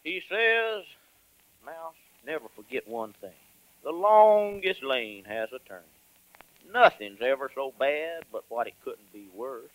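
An actor playing a folksy old bullfrog who drawls homespun sayings, in 1940s radio acting. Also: male voice, mid-range voice, animated, measured pace, no echo, lightly acted, poor audio. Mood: grave. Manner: rural drawl, says ain't and reckon.

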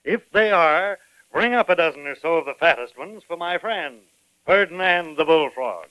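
An actor playing a genial, formal American president in 1940s radio acting. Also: male voice, a little high, animated, moderate pace, bright, forceful tone, no room sound, poor audio. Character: genial male US president, fatherly.

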